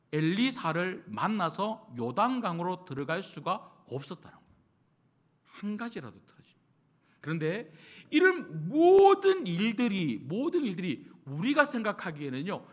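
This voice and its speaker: A man's voice: high-pitched, sharp tone. A middle-aged man preaching a sermon as pastor of a church, asking the congregation questions, answering them himself and acting out what the Bible characters say. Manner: acts out Bible characters' words.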